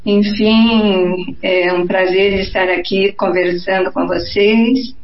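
A woman's voice: mid-range voice, steady tone, takes it slowly. A woman in her seventies with a Brazilian Portuguese accent, giving formal greetings and introducing herself as a guest. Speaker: guest lawyer and political activist. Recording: echoey, dull, slightly noisy remote audio.

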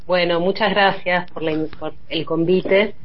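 Female guest, Argentine Spanish accent, native Spanish speaker, lower register, slightly lo-fi call audio. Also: fairly even intonation, unhurried. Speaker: guest sociologist and activist. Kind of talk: guest self-introduction on a talk programme.

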